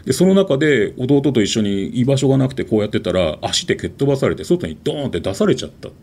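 A man telling a ghost story in an animated, dramatic way, with vivid sound words. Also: mid-range voice, fast talker, a little hiss or hum.

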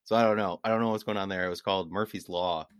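A man's voice: low voice, fairly even intonation, quick pace, clean tone, no echo. A man co-hosting a podcast, telling rambling travel stories in casual chat and laughing at his own anecdotes. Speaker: podcast co-host.

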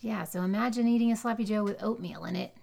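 A woman's voice: mid-range voice, steady tone, fast talker, vocal fry, a little mellow, slight background noise. A woman co-hosting a podcast, chatting casually in a dry, laid-back way. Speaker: podcast co-host. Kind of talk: casual chat.

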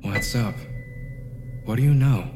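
A woman acting a steady, urging companion to the wounded in an audio drama. The voice is extremely low and unhurried, with clear ambient noise behind it. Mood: low, probing. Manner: urging, reassuring. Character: steady, urgent companion helping a wounded friend.

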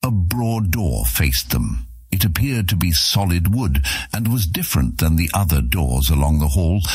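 An audiobook narrator reads scripted fantasy fiction in a deep, husky, darkish voice. The recording is very dry, with no room sound and no echo.

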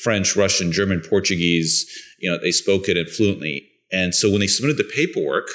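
A middle-aged Bulgarian man co-hosting a podcast chats casually and tells his background, often restarting as he goes. His low-pitched voice is fairly bright and moves at a normal speed.

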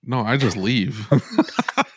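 A man's voice: mid-range voice, huge pitch swings, takes it slowly, a bit bright, husky, dry recording. Congested, stuffy-nosed man bantering. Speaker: podcast co-host. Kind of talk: casual podcast banter.

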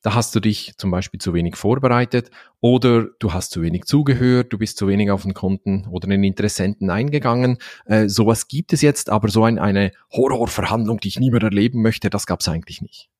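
A seminar trainer and speaker from Valais, Switzerland, is interviewed on a podcast in Swiss Standard German. His lowish, slightly mellow voice moves briskly with few pauses, and he comes across as thoughtful, saying "äh" often and laughing now and then. The sound is dry and close, with no echo.

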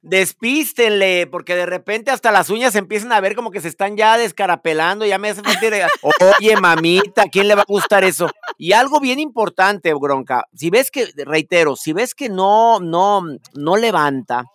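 A man's voice: sits high, animated, moderate pace, few pauses, fairly bright tone, no room sound, clean studio sound. A man with a Mexican Spanish accent hosting a casual podcast, giving playful, teasing advice full of affectionate nicknames. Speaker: podcast host.

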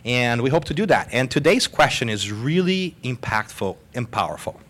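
A man hosts a live panel in front of an audience, trading light jokes and poking fun at himself. His voice has a slight hoarseness, and he talks in a chatty, upbeat way. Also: medium pitch, moderate pace. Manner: jokey, lively, self-deprecating. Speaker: host. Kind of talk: live panel show hosting. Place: symposium hall with audience.

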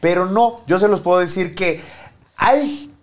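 A woman's voice: lowish voice, a little slow, a crowd in the background. A woman with a Mexican accent co-hosting a podcast, chatty and giggly, using lots of slang. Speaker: podcast co-host. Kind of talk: casual chat.

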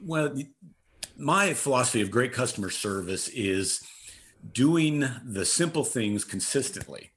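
A man's voice: mid-range voice, animated, unhurried, a bit bright. A middle-aged man answering interview questions as a guest, earnest and emphatic, repeating his key phrases. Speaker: interview guest, customer service consultant.

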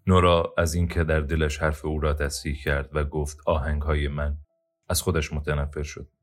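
A man reading an audiobook in a steady, measured narration. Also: a bass voice. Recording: faint background music.

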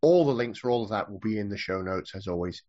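A man's voice: fairly low pitch, expressive, fast, dark tone, lo-fi sound. A man hosting a podcast interview, friendly and a little hesitant, often repeating words. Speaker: podcast host.

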